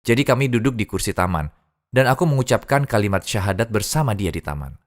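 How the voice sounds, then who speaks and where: A man's voice: fairly low pitch, animated, quick pace. A man earnestly telling his own conversion story in a dubbed first-person testimony.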